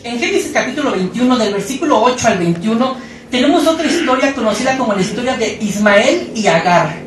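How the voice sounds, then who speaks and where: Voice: mid-range voice, expressive, a little fast, far from the mic, soft background music. Preacher, echoey hall. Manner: storytelling with acted-out quotes and humor. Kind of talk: sermon. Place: church hall.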